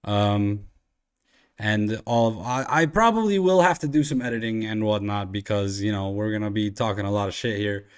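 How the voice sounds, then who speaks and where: A man's voice: fairly low pitch, expressive, normal speed, clear, resonant tone. A man hosting a casual podcast with friends, rambling with lots of fillers and swearing, from Iceland. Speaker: podcast host and streamer.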